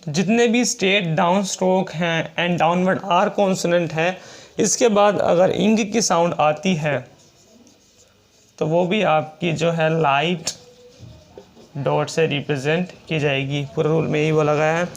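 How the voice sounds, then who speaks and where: A man teaching a shorthand class, slowly explaining rules and repeating each example word. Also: fairly high pitch, fairly even intonation, gravelly. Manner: slow, repetitive explaining, reads rules aloud. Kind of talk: classroom lesson.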